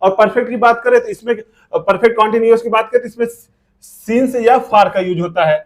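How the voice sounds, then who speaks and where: A man's voice: very high-pitched, a little fast. A man with an Indian accent giving a classroom English grammar lesson, drilling sentence pairs and asking and answering his own questions. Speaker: English teacher.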